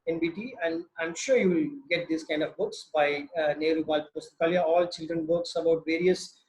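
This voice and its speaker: A slightly nervous man with a South Indian accent gives an informal talk in a halting, conversational, joking way. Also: fairly high pitch, low-quality recording. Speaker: webinar speaker.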